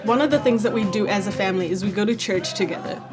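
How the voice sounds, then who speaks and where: A young Zambian woman, a university student, speaks candidly in a documentary voice-over, conversational and often using "like" as filler. Her voice is medium-pitched and she talks fast, with music underneath.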